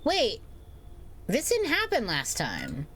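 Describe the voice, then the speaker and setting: A young woman streamer at home, giving live game commentary, thinking out loud, animated and swearing freely. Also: on the high side, slow, slight background noise. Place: home room.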